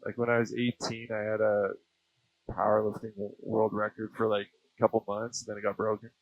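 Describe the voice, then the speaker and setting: Speaking from a small plane's cockpit, this Canadian guy from Saskatchewan is a guest in a casual, slang-filled interview chat. His fairly low voice stays monotone and runs a little fast, and the audio sounds dull.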